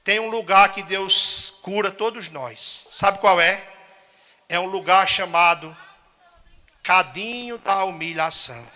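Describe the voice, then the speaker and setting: Preacher guy, folksy and fired up, really bright voice, long chapel echo. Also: high-pitched, slow pace. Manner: folksy storytelling, exhorting. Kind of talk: sermon.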